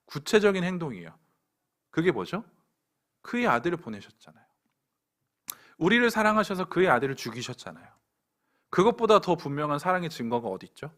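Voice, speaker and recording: A man's voice: a little high, very animated, a little fast, pauses often, fairly bright tone. A young adult man preaching a sermon to a church young adults group, pointed and direct with playful asides. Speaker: pastor.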